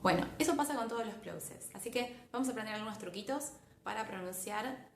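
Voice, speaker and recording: Young Argentine female language teacher, clear and emphatic, slightly gravelly, roomy echoey sound. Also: medium pitch, fast talker, a little hiss or hum. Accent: Argentine Spanish. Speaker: English pronunciation teacher. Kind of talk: online lesson.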